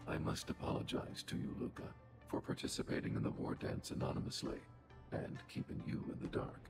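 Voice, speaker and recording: An actor playing an old, outdated robot in a video game, calm and coldly logical, speaking formally through a robotic filter. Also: male voice, brisk. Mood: solemn, analytical. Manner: formal, literal, calculating speech. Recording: loud game music behind. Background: game music.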